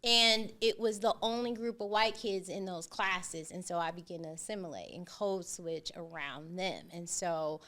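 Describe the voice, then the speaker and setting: A woman hosting a casual talk show, telling stories in an animated, emphatic way. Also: on the low side, normal speed, few pauses. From not from the West Coast. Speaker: podcast host. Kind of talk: casual chat.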